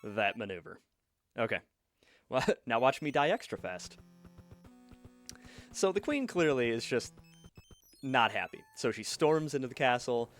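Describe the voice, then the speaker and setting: A man's voice: medium pitch, sing-song, a little slow, pauses often, fairly bright tone, soft background music. A man streaming a game while casually telling a folk tale, joking and often breaking off to react. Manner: joking, distracted, self-interrupting. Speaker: streamer and storyteller. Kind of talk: casual storytelling while gaming.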